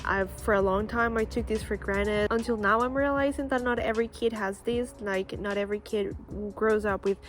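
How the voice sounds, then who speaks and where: Standing outdoors at a school playground by a road, a Costa Rican woman in her early twenties, native in Spanish, speaks casually and sincerely to camera about something personal. She vlogs in a mid-range voice at normal speed with few pauses, while music, and maybe cars and birds, can be heard behind her.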